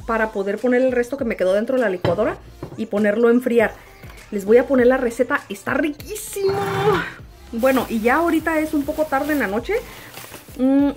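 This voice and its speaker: A woman's voice: on the high side, fairly quick, darkish tone, faint music behind. Chatty young woman vlogging on the go. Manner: chatty, mixes Spanish with English words. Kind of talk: casual vlog chat. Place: Tucson, Arizona.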